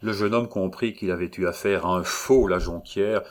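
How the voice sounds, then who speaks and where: Deep-voiced male audiobook narrator. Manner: measured, literary.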